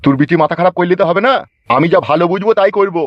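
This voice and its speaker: A man voices a hot-tempered, stubbornly proud village father in a Bengali comedy cartoon, blustering and threatening in an angry rural West Bengal accent. The delivery is high-pitched, rapid-fire, and lightly acted, on a dull, dry lo-fi recording with faint music.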